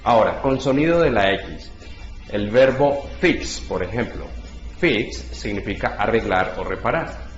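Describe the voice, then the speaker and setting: A man giving an English lesson, explaining verb endings methodically and spelling out each example slowly. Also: on the low side, lively intonation, muffled recording. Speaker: English teacher. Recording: roomy echo with faint background music.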